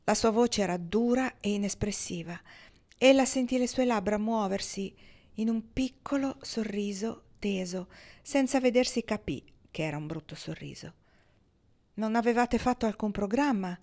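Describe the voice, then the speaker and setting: A woman narrating a novel as an audiobook reader, measured and expressive. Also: mid-range voice.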